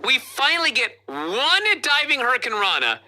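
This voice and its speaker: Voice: mid-range voice, normal speed. A podcast co-host giving a casual wrestling review, retelling the match play by play with lots of swearing. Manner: profane, animated play-by-play retelling.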